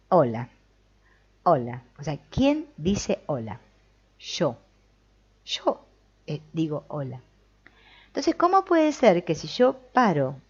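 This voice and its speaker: A woman's voice: low-pitched, darkish tone, lo-fi sound. A woman giving a reflective spiritual talk, commenting on a text she reads and asking the listener questions. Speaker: spiritual teacher.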